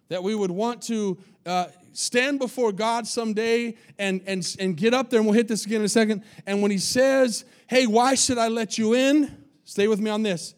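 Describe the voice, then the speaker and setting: A man preaching a sermon as pastor, emphatic and repetitive, often checking that the congregation is following. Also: high voice.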